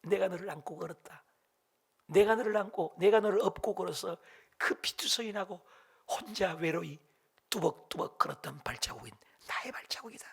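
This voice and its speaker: A man preaching a sermon who voices the gentle, loving Lord speaking softly and tenderly to a suffering child. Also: high voice, normal speed, vocal fry, husky, heavily acted. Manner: soft, hushed and tender.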